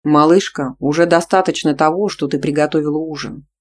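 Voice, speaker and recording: A reader voicing a jealous, domineering young man who speaks loudly and sternly in a storybook reading. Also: medium pitch, steady tone, fairly quick, a little hiss or hum, lightly acted. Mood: calm, knowing. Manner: loud, stern, commanding.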